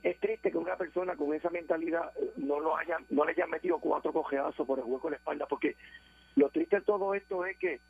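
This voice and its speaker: A man's voice: a little high, a little fast, gravelly, slightly rough. A man with a Puerto Rican accent calling a radio show, sarcastic and indignant. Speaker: radio caller. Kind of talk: phone-in opinion. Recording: dry tinny phone line.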